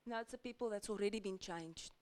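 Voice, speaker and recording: In a large conference hall, a South African woman who is a lawyer speaks on a panel discussion, hesitating with many ums and restarting her sentences. Her mid-range voice is a little mellow and she talks fast.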